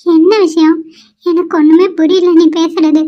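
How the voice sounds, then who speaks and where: Very high flustered young cartoon woman, woman voicing, muffled lo-fi sound. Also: flat delivery, moderate pace. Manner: pleading, flustered. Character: troubled young village woman facing an unwanted marriage. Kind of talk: dubbed cartoon dialogue. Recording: dull lo-fi recording.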